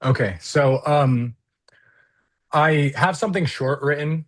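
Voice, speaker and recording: A man speaking over a video call as an applicant at a hearing, reading a prepared statement in an earnest, halting way with fillers. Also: fairly high pitch.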